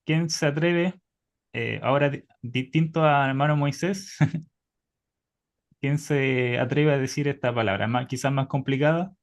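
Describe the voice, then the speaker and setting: Slow, patient teacher on a video call. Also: male voice, medium pitch. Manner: patient, quizzing students, slow and deliberate. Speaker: Hebrew teacher. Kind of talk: online class by video call.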